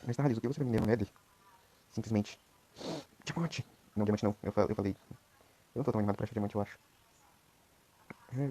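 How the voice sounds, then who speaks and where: A young Brazilian man giving quiet, rambling commentary while he plays a game. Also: fairly low pitch. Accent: Brazilian Portuguese. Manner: talks quietly at night, rambling. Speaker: gameplay streamer. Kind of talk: casual gameplay commentary.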